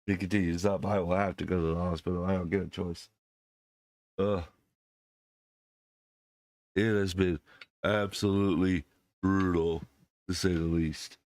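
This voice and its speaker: This channel host is a man under the weather, his voice pushed lower by illness as he rambles to viewers with lots of fillers and false starts. His desk microphone clips if he gets too near, and his flat, slightly mellow delivery moves at a measured pace with frequent pauses and no room sound.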